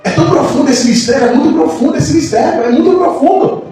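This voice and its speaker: A man, a pastor, preaching a sermon with passion, moving between soft lines and shouts. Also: extremely high pitch, fast talker. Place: church hall. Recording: echoey church hall, mic far off, faint noise.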